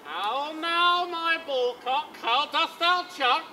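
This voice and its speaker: A man on an open-air stage playing a boisterous, scheming old knight who talks in a loud, swaggering, theatrical way. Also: very high-pitched, slow pace, full character voice. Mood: rowdy. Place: outdoor stage. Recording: outdoor recording with traffic noise.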